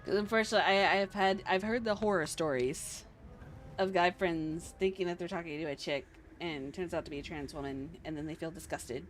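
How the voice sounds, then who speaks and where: A woman's voice: lowish voice, steady tone, fairly quick, slight background noise. A woman streamer chatting casually over a game, giving frank, informal advice. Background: faint game music.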